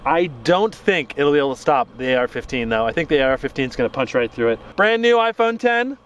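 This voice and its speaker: A man hosting a gadget test vlog outdoors, talking with loud enthusiasm and frequent exclamations. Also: mid-range voice, lively intonation, fast talker, highs cut off. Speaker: YouTube gadget test host. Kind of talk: excited outdoor experiment vlog. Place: outdoors at a shooting range. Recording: noisy outdoor recording.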